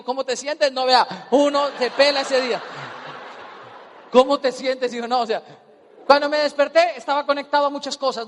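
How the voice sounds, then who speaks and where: A Colombian man telling a personal story as a motivational speaker, animated and comic, acting out voices. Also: very high-pitched, long reverb tail. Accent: Colombian Spanish. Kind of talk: storytelling talk on stage.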